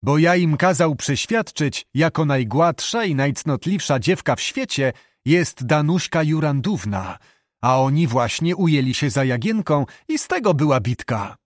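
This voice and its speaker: A man reading an audiobook, voicing a calm, stubborn young knight who answers steadily. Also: a little high, moderate pace, no echo, clean studio sound, lightly acted. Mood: calm defiant.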